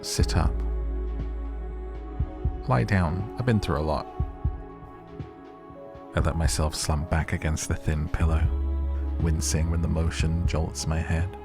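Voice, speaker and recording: A man reading a visual novel story aloud in a measured, dramatic narrating style. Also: very deep voice, fairly even intonation, music in the background. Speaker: video game player reading aloud.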